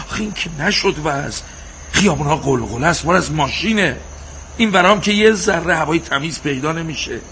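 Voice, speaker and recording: Brief: restless aging dad, higher voice, ranting then wistful. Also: male voice, a little hiss or hum. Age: older. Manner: ranting, swings from shouting to wistful murmur. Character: aging restless father, bitter and nostalgic. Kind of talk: radio drama acting.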